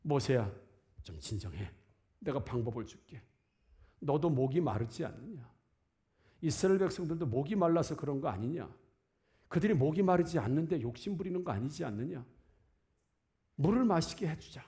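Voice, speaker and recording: A man voicing God as a calm, fatherly deity gently soothing his prophet. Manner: slow, low, hushed reassurance.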